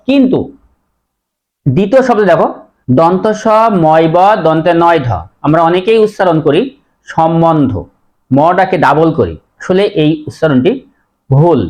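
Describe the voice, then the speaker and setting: A man teaching a pronunciation lesson, explaining rules step by step and repeating each word slowly. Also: on the high side, darkish tone.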